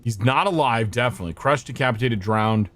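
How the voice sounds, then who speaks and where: A young man streams a game and thinks aloud in a scattered way, swearing now and then and greeting his chat during casual gameplay commentary. His medium-pitched voice is a little fast and a bit bright.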